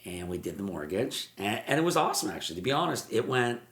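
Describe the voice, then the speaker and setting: A man, a mortgage broker, telling stories in a podcast interview, animated and repeating words as he acts out what people said. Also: lowish voice, quick pace. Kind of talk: storytelling interview chat. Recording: roomy echo.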